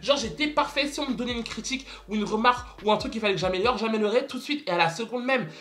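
A man's voice: high-pitched, very fast, a bit bright. A young man telling a story to camera in a casual vlog, dramatic and exclamatory, repeating words for emphasis. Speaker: vlogger.

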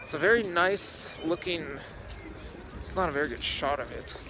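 A young man's voice, on the high side, comes through over a noisy background as he walks through a city square at dusk. He's a vlogger chatting to the phone he holds at arm's length, giving viewers a casual tour.

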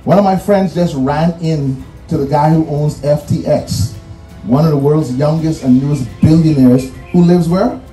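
A man's voice: on the high side, normal speed, mellow. A man with a Bahamian accent giving a commencement address in a preaching cadence, stressing his points and repeating key phrases. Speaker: commencement speaker. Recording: roomy echo, distant mic, faint music.

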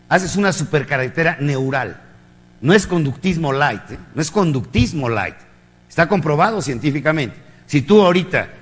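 A motivational speaker with a Mexican accent addresses an audience in a voice pitched a little high for a man. He preaches emphatically, firing rhetorical questions and crude jokes, while the long reverb of a large hall rings around him.

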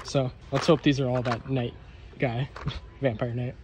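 A man's voice: mid-range voice, little pitch movement, a little slow. A man chatting casually into a handheld phone camera while vlogging in a car and outside, offhand with lots of fillers. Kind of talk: casual vlog chat. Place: car and outdoors. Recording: phone recording with car and street noise.

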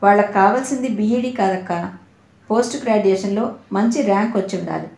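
A woman's voice: medium pitch, fast, a little mellow, natural voice. A woman voicing a playful young woman who teases her elder sister, in an audiobook reading. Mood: hesitant. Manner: teasing, light. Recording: roomy echo.

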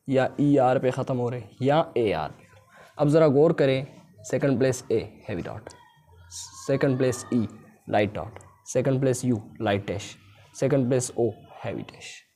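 A man's voice: mid-range voice, dark tone. A man teaching a shorthand lesson patiently, repeating key points and asking his students questions. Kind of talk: recorded lecture.

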